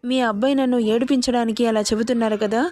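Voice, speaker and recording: A woman's voice: fairly high pitch, fairly even intonation, quick pace, darkish tone, no room sound, close to an everyday voice. A woman voicing an innocent, naive young bride-to-be who keeps asking pleading questions, read in her own voice for a storybook reading.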